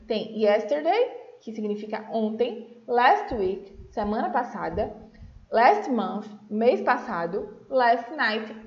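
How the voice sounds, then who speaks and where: A fairly high-voiced woman with a Brazilian Portuguese accent teaches young pupils in a recorded lesson, spelling words out and checking that they follow. She sounds muffled and slightly dull, in a room with noticeable echo. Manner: patient, explains slowly, checks in with "tá?" and "certo?". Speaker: English teacher. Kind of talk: recorded remote class for children.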